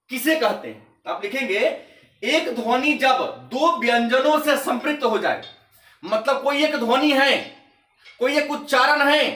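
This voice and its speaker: High, bright-voiced male teacher in echoey room. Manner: repeats definitions slowly, as if for dictation. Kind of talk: classroom grammar lesson. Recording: echoey room, mic at a distance.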